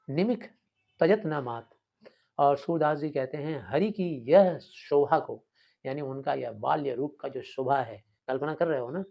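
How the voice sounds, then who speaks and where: A man teaching a class, explaining a poem line by line, reciting the verses slowly and often checking that his students follow. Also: mid-range voice, darkish tone. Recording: dull lo-fi sound.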